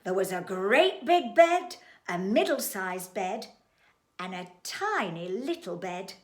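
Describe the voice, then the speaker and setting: Expressive woman reading a storybook. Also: mid-range voice, takes it slowly. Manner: expressive, playful. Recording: echoey room.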